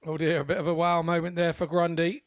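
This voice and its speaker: A man's voice: fairly high pitch, level tone, quick pace, no room sound. A man co-commentating on live darts in a chatty, informal way with rambling asides.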